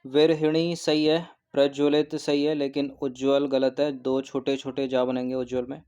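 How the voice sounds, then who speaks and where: A man giving a recorded exam-prep lesson who explains each answer and repeats words slowly, often adding a quick "okay". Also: mid-range voice, level tone, mellow, clear, resonant tone. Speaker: exam coaching teacher.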